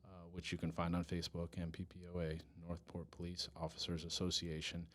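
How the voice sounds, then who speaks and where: Deep voiced police chief of staff guy on a podcast, earnest, stumbles and restarts a lot. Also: completely flat delivery. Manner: earnest, halting with restarts, laughs easily. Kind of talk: casual podcast interview.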